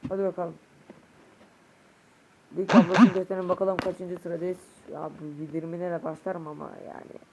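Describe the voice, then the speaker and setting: Excitable gamer, a bit sick. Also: male voice, sits high, brisk, long pauses. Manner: excitable, shouts at players, mutters curses. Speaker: gaming youtuber. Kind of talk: casual gameplay commentary. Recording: noisy home recording.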